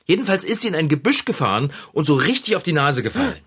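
A man playing an indignant young male friend who tells his grievance animatedly, with big jumps in pitch. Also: sing-song, fast, bright, forceful tone, slightly rough, exaggerated voice.

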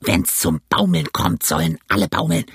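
A man reading an audiobook puts on a violent, hard-drinking old sea captain who barks between deep growls and high cries. The voice is husky and dry, recorded up close. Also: sing-song, normal speed, dry recording, full character voice. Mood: furious. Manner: barking, swinging between low growls and high shouts.

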